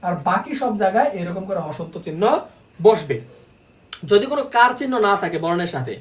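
A woman's voice: fairly low pitch, animated, fairly quick, reverberant, distant mic. A woman teaching an online class, repeating key words and asking students questions.

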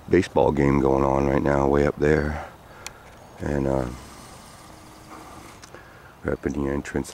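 A man in his forties, with an extremely low and slightly mellow voice, vlogs while walking sandy trails beside the woods. He rambles through a story full of fillers, filmed on a handheld camera, with faint outdoor noise behind him.

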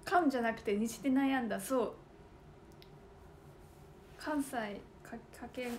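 A woman's voice: high voice, unhurried, slight background noise. A young woman with a Kansai accent, chatting casually on a livestream and giggling as she thinks aloud while writing. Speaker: idol livestream host.

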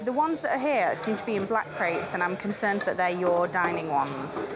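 Crowd noise fills the background as a young woman with an English accent, a railway events organiser, sets up an event on an outdoor station platform. Her fairly low voice moves at normal speed with lively intonation, and the on-location chat is upbeat, full of easy laughter.

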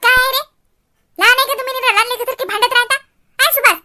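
Casting: a woman doing a piercingly high, bright-voiced cartoon big sister, fretful and bossy, scolding the little ones. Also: steady tone, fast, full character voice. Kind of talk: village cartoon comedy.

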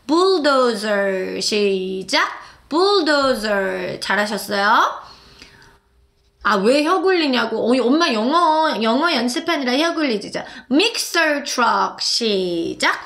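A bright, high-voiced woman leads a live English lesson for mothers, stretching out each drill word slowly and then chatting quickly and playfully in between. Her tone stays clear and forward. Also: lively intonation. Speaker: English teacher for moms.

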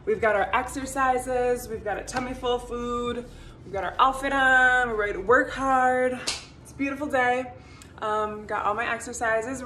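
A woman's voice: on the high side, bright, forceful tone, echoey room, a little hiss or hum. A young woman in her twenties vlogging her workout plan and coaching exercise technique in a bubbly, chatty way. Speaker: fitness vlogger. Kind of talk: upbeat workout vlog and exercise instruction. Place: home, then car, then voice-over on gym clips. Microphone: phone camera at arm's length.

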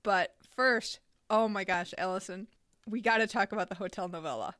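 Casting: brisk, chatty woman podcast host, mid-pitched, dry close mic. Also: fairly bright tone, no room sound. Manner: brisk, chatty, laughs easily. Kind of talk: casual podcast chat.

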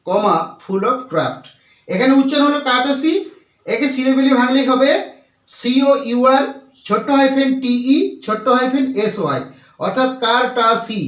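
A man teaching English vocabulary in Bengali, speaking slowly and repeating words, spelling them out letter by letter. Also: extremely high pitch, a bit bright, roomy sound, recorded from a distance.

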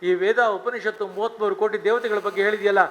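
A man giving a spiritual discourse, emphatic and repetitive, building lists of phrases and stretching English phrases out slowly. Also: high-pitched, steady tone, a bit bright, rough recording. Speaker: religious scholar giving a discourse.

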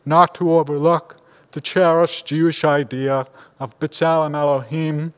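An older man, a rabbi, giving a measured, grave sermon at a lectern microphone in a large synagogue sanctuary. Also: on the high side, level tone, clean tone. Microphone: lectern microphone on a stand. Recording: long reverb of a large hall.

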